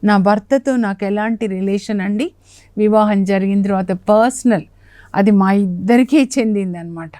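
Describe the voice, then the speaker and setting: A woman teaching the Bible on a television program speaks in a friendly, conversational way. She sits at a middle pitch and acts out the quoted lines with a raised voice. Her voice is recorded dry and close, with no room sound. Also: moderate pace, warm tone, dry recording. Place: television studio.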